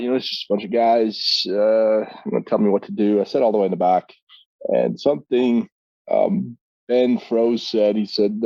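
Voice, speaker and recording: A man's voice: lowish voice, no room sound. A man speaking as a podcast guest, sharing a personal testimony in a hesitant way, with many fillers and restarts. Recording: dull lo-fi sound.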